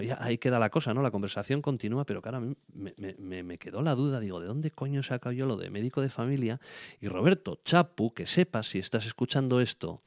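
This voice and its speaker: A man's voice: lowish voice, no room sound, clean studio sound. A man hosting a podcast, chatting casually and rambling with many restarts and fillers. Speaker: podcast host.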